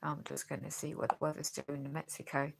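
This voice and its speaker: A woman vlogs at home in a chatty, rambling way, full of sighs and tag questions, while a friend films her on a phone. She's congested and losing her voice, which is deep, monotone and a little fast with vocal fry. The recording is very noisy.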